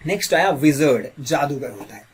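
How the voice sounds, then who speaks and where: A man teaching English grammar as a classroom lesson, quizzing listeners with repeated questions. He has a slightly sore throat and clears it often. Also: fairly high pitch, lively intonation, fairly quick, slight background noise.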